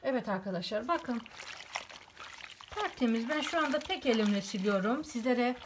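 Woman home-cleaning vlogger, slightly high voice, talks chattily to viewers, faint noise behind. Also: animated, normal speed. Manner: chatty, repeatedly addresses viewers as friends. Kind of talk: casual how-to demonstration. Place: at home by a rug.

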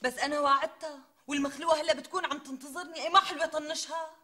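A defiant Damascene wife. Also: female voice, sits high, fairly even intonation, rapid-fire, sharp tone, echoey room. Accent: Damascene Syrian Arabic. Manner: curt, dismissive retorts. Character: sharp-tongued defiant wife.

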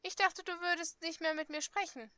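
A woman playing a cocky, rebellious teenage boy in a dating game, mocking and gruff. The voice is high and bright, with no room echo at all. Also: steady tone, fairly quick. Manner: teasing, gruff, curt.

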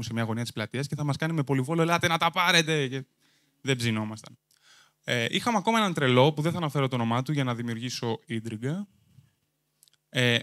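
A man's voice: mid-range voice, dry recording, studio quality. A young adult man from Greece doing stand-up, telling a long story to a live audience and bantering crudely with the crowd while holding a microphone. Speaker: stand-up comedian and host. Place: comedy stage before a live audience. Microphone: handheld microphone.

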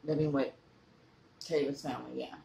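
A woman's voice: a bass voice, steady tone, vocal fry, warm tone, a little hiss or hum. An older woman chatting casually to her viewers while eating, talking through a mouthful of food as she chews. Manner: slow, chatty, laughing, addresses viewers as y'all. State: mouth full, chewing. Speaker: mukbang vlogger.

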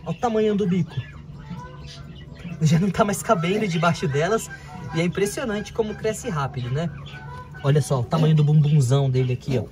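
A man's voice: fairly high pitch, a little fast, pauses often, over music. A man hosting a casual vlog as he tours his bird enclosures outdoors, chatting to viewers and cooing at the birds in baby talk. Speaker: bird keeper and vlog host.

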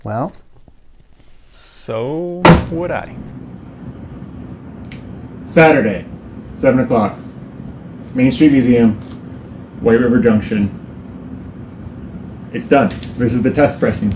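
A man's voice: mid-range voice, unhurried, pauses often, roomy sound, noisy background. A man giving a casual band update, rambling with many fillers and a dry, self-mocking sarcasm. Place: indoors on a hot day. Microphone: no lapel mic, camera mic.

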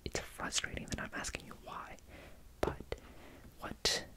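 A young adult man speaks entirely in a whisper, right up at a desktop microphone in a small room at home. It is a fast, rambling ASMR delivery, casual and unscripted. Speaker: ASMR creator. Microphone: desktop condenser microphone, close up.

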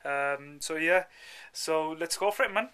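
Young British male vlogger, forward bright tone, pitched a bit high, informal and chatty with plenty of slang. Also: a little slow, clear, resonant tone. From England. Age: young adult. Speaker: film actor, vlogger. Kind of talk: casual video diary. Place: dubbing studio rooms and inside a parked car. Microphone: handheld camera at arm's length.

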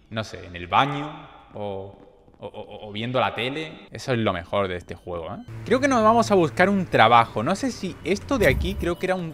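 Lively Spanish-accented gaming commentator. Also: male voice, fairly high pitch, slight background noise. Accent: Spain Spanish. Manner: animated and joking, with sudden loud outbursts. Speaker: gaming video creator. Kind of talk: gameplay commentary.

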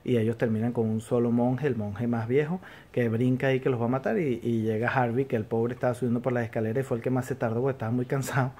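A man's voice: medium pitch, fairly even intonation, fast talker, mellow. A man casually recapping a TV episode as a series reviewer, rambling along with fillers and restarts.

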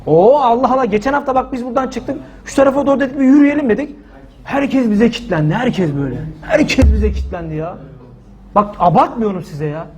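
A man preaching a sermon in a loud, forceful, shouting manner, stretching some words slowly for emphasis. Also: very high-pitched, lively intonation.

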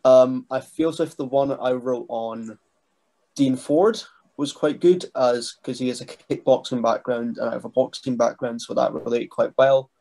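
A young man, talking as a guest on a video call interview, soft-spoken and hesitant with restarts. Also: mid-range voice, steady tone, moderate pace. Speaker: guest, wrestling writer and trainee. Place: small bedroom indoors. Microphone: webcam mic on video call.

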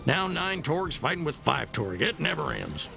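Gruff, gravelly old alien fisherman. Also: fairly high pitch, big pitch swings, moderate pace, over music, heavily acted. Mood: wry, weary. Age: older. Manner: gruff, rambling, secretive, world-weary.

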